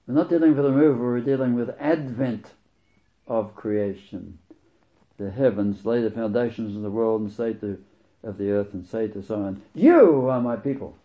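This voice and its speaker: A man preaching a sermon, reading scripture aloud and commenting on it, slowing right down to stress key words. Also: medium pitch. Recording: dull lo-fi recording.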